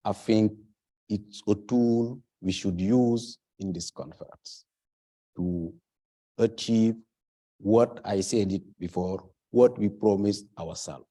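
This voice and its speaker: A man from Senegal speaking on a conference panel, halting at times as he searches for words and stressing his key points. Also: lowish voice, mellow.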